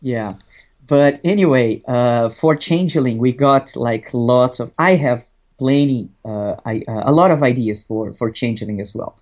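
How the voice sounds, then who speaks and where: A Brazilian man with a Brazilian Portuguese accent chats casually as a podcast guest, sounding hesitant and restarting often. His voice is medium-pitched and measured, in dull lo-fi audio.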